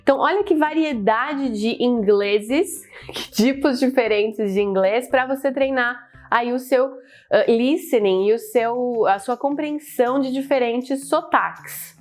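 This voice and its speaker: A young Brazilian woman, an English teacher, explaining pronunciation in a casual video lesson. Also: a little high. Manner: chatty, explains with drawn-out example phrases.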